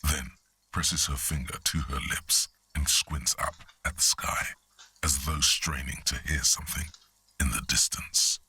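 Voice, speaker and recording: A man's voice: very deep voice, fairly even intonation, measured pace, bright, forceful tone, a little hiss or hum, heavily acted. A man narrating a video game in a solemn, descriptive, scripted style. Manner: solemn, descriptive, evenly paced. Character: grave, detached male game narrator.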